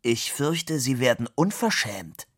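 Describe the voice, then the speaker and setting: A man's voice: medium pitch, sing-song, a little slow, slightly rough, no room sound, clean studio sound, pitched above the performer's own voice. A man reading aloud who voices a stern, stout older office director, stiff and reproachful.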